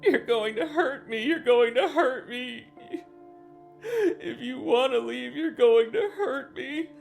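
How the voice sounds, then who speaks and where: A man's voice: very high-pitched, expressive, measured pace, creaky, a little mellow, soft background music, pitched above the performer's own voice, exaggerated voice. A man voicing a terrified, pitiful doppelganger of a man, crying and pleading in panicked repetition. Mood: hysterical sobbing.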